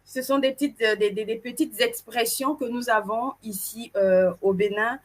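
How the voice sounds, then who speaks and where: Woman co-host from Cameroon, animated and playful with the crowd, slightly high pitch. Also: moderate pace. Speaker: event co-host. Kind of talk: casual presenting to an audience.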